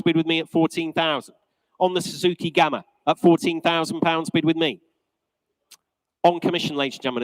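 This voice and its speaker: A man's voice: on the high side, no echo, low-quality recording. A man working as an auctioneer, calling bids live in a polished, courteous, repetitive patter.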